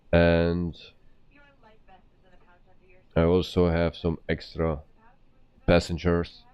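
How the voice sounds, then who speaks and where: Very deep, slow-talking man streaming, dull sound. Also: clear, resonant tone. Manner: hesitant, explaining step by step. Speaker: flight simulator live streamer. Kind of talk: casual game commentary.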